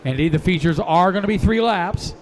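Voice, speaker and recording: A man's voice: sits high, brisk. A man working as a race announcer, giving live motorsport commentary in a proclaiming track announcer's delivery. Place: broadcast booth at a racetrack. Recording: background noise at outdoor race.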